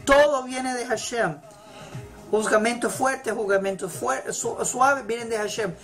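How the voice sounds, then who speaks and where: A woman's voice: on the high side, a little slow. Emphatic woman preaching over faint music. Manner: emphatic, repeats key phrases. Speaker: religious teacher. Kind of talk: motivational religious talk. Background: faint celebration music.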